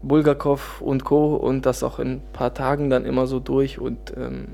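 Man, from Germany, guest author, hesitant, mid-pitched voice, casual interview. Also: flat delivery, normal speed, creaky, mellow. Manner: hesitant, many fillers and restarts.

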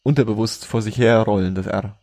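A man's voice: lowish voice, fairly even intonation, warm tone, dry recording. Chatty, stammering male podcast host. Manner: fast, playful, stammers with many fillers. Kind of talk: casual chat. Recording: podcast studio mics, three hosts at a table.

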